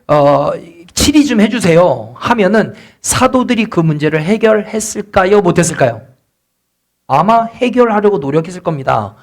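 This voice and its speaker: A male pastor preaching a sermon in a church, asking the congregation questions and acting out the complaints of church members. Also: high-pitched. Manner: asks the congregation rhetorical questions. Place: church sanctuary.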